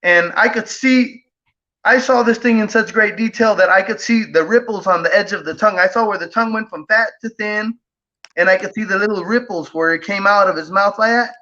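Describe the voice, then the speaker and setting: A man's voice: high voice, brisk, sharp tone. A man telling a story as a guest in casual talk, rambling with lots of fillers and tag questions. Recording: dull lo-fi audio.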